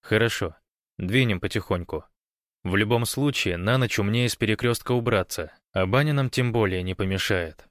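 A man voicing an excitable, chatty man who is a soldier. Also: lowish voice, normal speed, dry recording, clean studio sound, lightly acted. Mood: businesslike.

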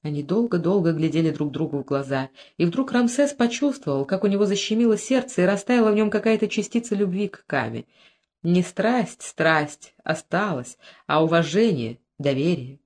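A narrator reading a historical novel in an even, measured storytelling voice. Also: medium pitch. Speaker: audiobook narrator. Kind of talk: literary narration.

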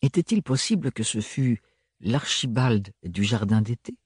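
A man narrating a novel as an audiobook in a measured, even storytelling manner. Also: mid-range voice, husky, dry recording, studio quality. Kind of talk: scripted narration.

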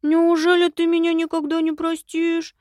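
A sly husband who fawns and wheedles to win his wife back, put on by a woman reading an audiobook. The reading stays fairly high in pitch and sounds dry and close-miked. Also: unhurried, darkish tone, no echo, natural voice. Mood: pleading. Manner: wheedling, fawning. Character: fawning estranged husband, sly liar.

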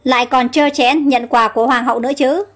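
A woman's voice: high voice, fairly even intonation, brisk, faint music behind. A woman voicing an angry old king who barks stern orders. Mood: furious. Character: angry old male king, harsh and commanding.

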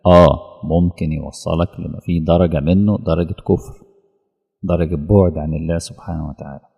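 A man with an Egyptian accent giving a religious lesson in a lively colloquial way, acting out little dialogues. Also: low-pitched, a little fast, gravelly, husky, long reverb tail, highs cut off. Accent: Egyptian Arabic. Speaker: preacher.

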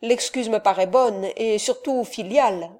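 A woman's voice: fairly high pitch, measured pace, a little mellow, close to an everyday voice. A woman reading the part of an angry, sardonic nobleman who scolds his son with scornful commands. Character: angry, sardonic middle-aged nobleman father. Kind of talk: audiobook character reading.

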